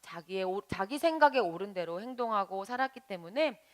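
A woman as a Sunday school teacher, gently explaining a Bible story to children and asking them questions. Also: medium pitch, lively intonation, a little fast. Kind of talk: children's Bible lesson narration.

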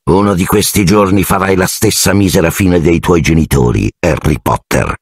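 A man voicing a cold, haughty aristocratic wizard in an audiobook, contemptuous and menacing, often low and quiet. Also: moderate pace, gravelly, breathy edge, no room sound, studio quality, exaggerated voice. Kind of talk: audiobook character voice.

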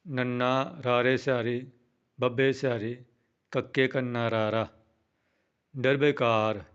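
Man, recitation teacher, unhurried, smooth resonant voice, slightly dull recording. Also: mid-range voice. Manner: chants verses slowly, then explains spelling plainly. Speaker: Gurbani pronunciation teacher. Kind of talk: slow recitation and spelling lesson.

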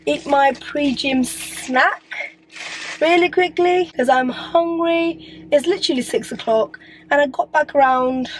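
A woman in her twenties, a dental student, chats casually to a phone held at arm's length in her car and bedroom, her high voice still recovering from an illness that took it away. She's chatty, rambling and self-deprecating in this vlog-style talk to camera. The recording is rough, with slight background noise.

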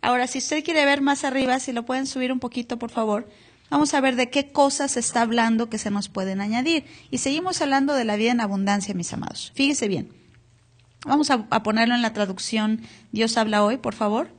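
A woman's voice: on the high side, a little fast, a little hiss or hum. A woman pastor preaching a live church sermon, asking the congregation to read along and repeat words aloud. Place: church hall, captured live.

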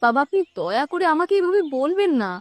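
A woman voicing a meek young daughter-in-law in a cartoon, soft and pleading. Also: extremely high pitch, animated, fairly quick. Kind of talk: cartoon voice acting.

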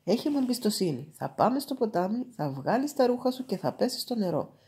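A woman's voice: medium pitch, big pitch swings, dark tone, breathy edge, heavily acted. A woman voicing a sly, clever male cat in boots in a storybook reading, speaking eagerly. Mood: cunning. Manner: eager, scheming.

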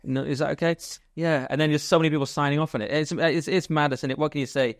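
Fast-talking jokey man. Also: on the high side, dry recording, studio quality. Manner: fast, jokey, animated riffing. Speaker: podcast co-host. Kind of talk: casual political chat.

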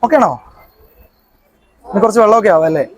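A man's voice: high voice, a little fast, poor audio. A young man working as a hypnotist in a demonstration, coaxing his subject and repeating his commands again and again.

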